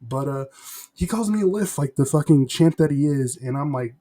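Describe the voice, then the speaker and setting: A man's voice: fairly high pitch, animated, moderate pace, mellow. A young man telling a personal story in a casual, rambling vlog style, with slangy, emphatic phrasing and heavy swearing.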